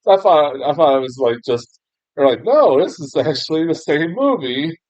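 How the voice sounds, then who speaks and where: Reviewing a film casually, a young native English-speaking American man laughs at himself, swears mildly, and keeps restarting amid lots of fillers. His sing-song voice is on the high side, darkish, and moderately paced, with no room sound in the dull, muffled lo-fi recording.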